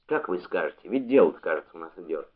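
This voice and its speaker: A man's voice: low-pitched, very animated, fast talker. A man voicing a good-natured old male court chairman who speaks genially with a touch of mild indignation, on a tinny phone-like recording. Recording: tinny, phone-like lo-fi audiobook audio.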